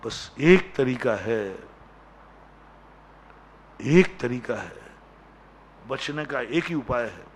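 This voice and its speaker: A man, a Jain monk, preaching a sermon, firing rhetorical questions and repeating key words for emphasis. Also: medium pitch.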